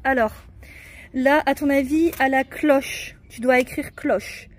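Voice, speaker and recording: A woman guiding a child through a garden treasure hunt, patient and encouraging, spelling words out slowly letter by letter. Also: sits high, steady tone. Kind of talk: casual family video chat. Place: outdoors in a garden.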